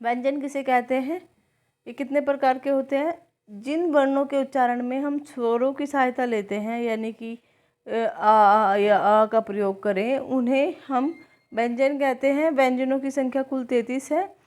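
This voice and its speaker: A woman's voice: high voice, steady tone, normal speed, a little mellow. A woman teaching a grammar lesson for exam preparation, reciting letters one by one and explaining them patiently.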